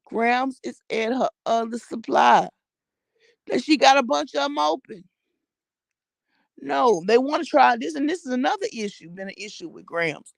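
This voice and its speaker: High-pitched and gravelly, with lively intonation at a normal pace and no echo, an American woman comments on social media personalities in her vlog. She gossips casually and bluntly, in slang, swearing often and repeating phrases for emphasis.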